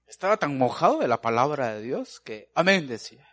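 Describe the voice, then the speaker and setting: Man, preacher, sermon, animated pitch swings, folksy question-and-answer. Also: brisk. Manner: folksy, addresses listeners as brother, asks and answers his own questions.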